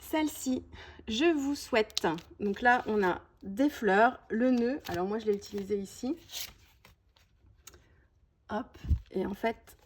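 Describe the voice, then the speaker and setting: This French scrapbooking host talks slowly and pauses often while presenting her collection in a relaxed, chatty show-and-tell full of "hop" and "voilà." Her voice is on the high side, with a little background noise in the recording.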